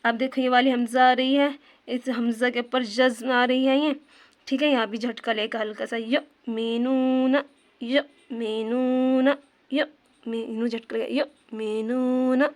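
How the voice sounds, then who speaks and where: A woman teaching a tajweed lesson on Arabic letter sounds. She patiently repeats terms, asks questions back to the viewer, and slows down to demonstrate pronunciation. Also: a little high, steady tone. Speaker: Quran recitation teacher.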